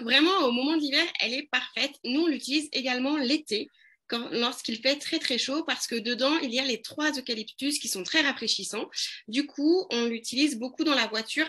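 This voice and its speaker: A woman's voice: on the high side, pushed and bright. A woman presenting an essential oil blend in a casual live demo, hesitant, with many fillers and restarts.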